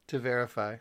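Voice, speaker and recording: A man's voice: mid-range voice, fairly bright tone, no room sound, clean studio sound. A man playing a movie trivia game, joking around and laughing often in casual chat. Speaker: game player.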